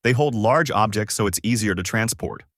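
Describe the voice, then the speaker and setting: A man voicing a bossy, excitable young woman in a fan-made story, talking in a raised, snappy, impatient voice. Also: on the low side, normal speed, no echo, clean studio sound, close to an everyday voice.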